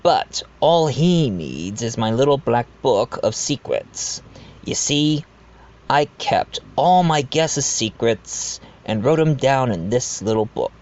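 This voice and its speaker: A man's voice: medium pitch, big pitch swings, slow, highs cut off, noisy background. A man playing a genteel, blackmailing manor owner who confides in the listener in an amateur audio drama. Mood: wry, confiding. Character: blackmailing manor owner, self-aware, genteel adoptive father.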